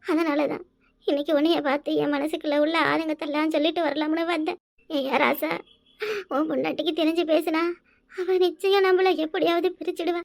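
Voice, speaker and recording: A woman's voice: sits high, flat delivery, brisk, creaky. A woman voicing an aging village mother with a southern Tamil village dialect, reproachful and pleading with her son in a cartoon. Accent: southern Tamil Nadu village dialect. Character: aging village mother, grief-stricken and scheming. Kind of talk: cartoon voice acting.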